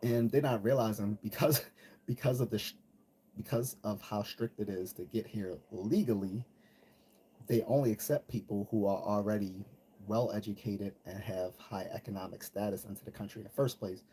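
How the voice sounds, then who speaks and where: This American live-stream host talks bluntly and casually in a slangy monologue, imitating the people he quotes. His lowish voice is mellow at normal speed, the audio poor and carrying noticeable background noise.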